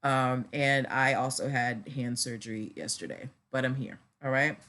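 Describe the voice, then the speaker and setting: A woman hosting a casual livestream, chatting directly to viewers in a subdued manner, a little slowed after surgery. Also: rumbling low, a bit bright. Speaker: livestream host discussing trademarks.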